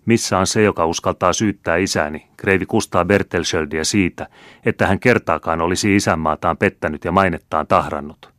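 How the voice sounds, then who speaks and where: A fiery, proud young count, a beardless youth with a ringing yet slender voice, as an audiobook narrator puts him on. He speaks impassioned and rallying, raised and louder than the narration, in a dry, close sound. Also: deep voice, no room sound, natural voice. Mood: indignant. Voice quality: ringing but still slender voice.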